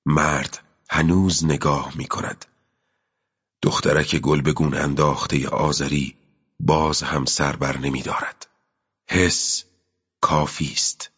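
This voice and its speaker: A man reading a literary novel aloud as an audiobook narrator, in a slow, measured and intimate way. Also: very deep voice, little pitch movement, fairly bright tone, husky. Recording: muffled with long reverb.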